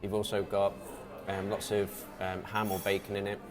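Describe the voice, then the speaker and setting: A man's voice: fairly low pitch, monotone, moderate pace. A man co-hosting a casual food chat, explaining dishes and listing ingredients with many ums. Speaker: deli co-host.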